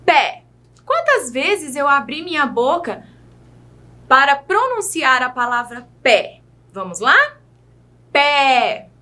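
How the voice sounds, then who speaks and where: Brazilian teacher lady, high bright voice, slow and sing-songy, stretches words out for kids. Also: very animated. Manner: slow, exaggerated enunciation of words; patient, asks questions to young learners. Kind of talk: children's video lesson.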